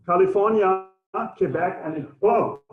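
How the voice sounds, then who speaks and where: A man from Germany with a German accent, giving an informal presentation in a halting, hesitant way. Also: high-pitched. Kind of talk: informal conference presentation with audience questions. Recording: muffled phone-like audio.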